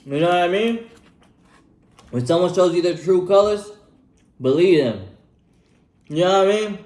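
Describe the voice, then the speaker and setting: Young man, twenties, slightly higher voice, loose slangy advice vlog, echoey room. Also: expressive, normal speed, a little mellow. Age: 20s. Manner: laid-back, slangy, repeats himself, tags lines with "bro". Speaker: vlogger giving life advice. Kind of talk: casual advice vlog while eating.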